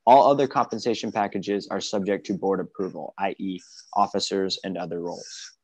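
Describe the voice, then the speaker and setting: Low-voiced man presenting at a meeting. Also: fairly even intonation, darkish tone, dry recording. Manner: halting, with many restarts and fillers. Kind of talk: casual online meeting talk.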